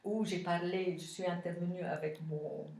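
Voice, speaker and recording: A woman's voice: fairly low pitch, steady tone, a little mellow. Lebanese-accented woman, roomy sound. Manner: thoughtful, many pauses and hesitations. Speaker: Paris city councillor. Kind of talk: interview answers.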